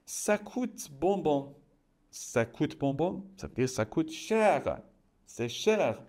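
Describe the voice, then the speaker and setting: A man teaching French expressions, saying each phrase slowly, repeating it, then explaining it in simple words. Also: mid-range voice, a little mellow. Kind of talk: explaining idioms, slow and deliberate.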